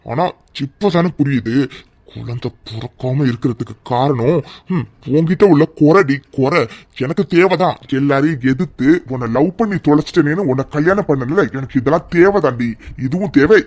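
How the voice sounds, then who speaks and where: A man's voice: fairly high pitch, lightly acted. A man voicing a bitter, humiliated husband in a cartoon serial who scolds his wife harshly.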